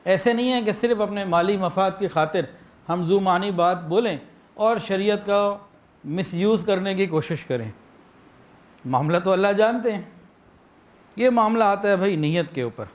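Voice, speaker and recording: A man with a Pakistani Urdu accent delivering a sermon, illustrating his points with anecdotes and acted-out phrases. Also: sits high. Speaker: preacher.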